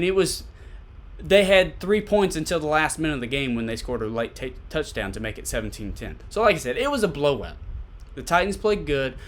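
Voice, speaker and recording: Higher-voiced man. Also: a bit bright. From Tennessee, USA. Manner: conversational, repeats points for emphasis. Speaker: sports podcast host. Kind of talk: casual solo sports commentary.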